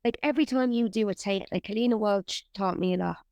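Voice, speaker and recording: A woman's voice: medium pitch, fast talker, a little mellow, smooth, no room sound. A woman, an actor and writer, chatting candidly in an interview and swearing freely. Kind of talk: casual interview chat.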